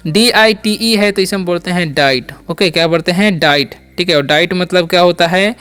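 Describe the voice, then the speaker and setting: A man's voice: high voice, normal speed, a bit bright, smooth, faint music behind. A young man teaching English word pronunciation, repeating each word and quizzing the listener. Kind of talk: spoken language lesson.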